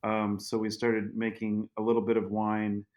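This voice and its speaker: A man speaking as a guest on a podcast, telling a story in halting speech with many restarts. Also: lowish voice, monotone, lo-fi sound. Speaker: guest, vineyard owner. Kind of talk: casual interview.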